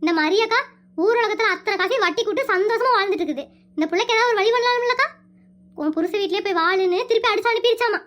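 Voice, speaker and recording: Muppatha, a squeaky fast-talking village woman, as a performer puts her on. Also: a bit bright. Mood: indignant. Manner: fast, exclaiming, keeps calling the other akka. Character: chatty village woman, caring and indignant. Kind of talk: animated comedy dialogue.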